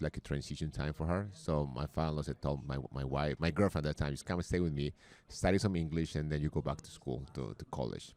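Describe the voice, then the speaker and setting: Give me a very deep, low-pitched man with a Colombian accent, speaking haltingly as an interview guest. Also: darkish tone. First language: Spanish. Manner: hesitant, often repeats and restarts words. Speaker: podcast guest. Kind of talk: casual interview talk.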